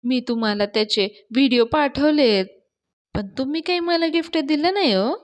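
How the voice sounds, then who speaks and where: A woman's voice: high voice, animated, moderate pace, voice pushed up. A woman voicing a scheming, fawning man who pleads theatrically and stirs trouble. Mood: wheedling.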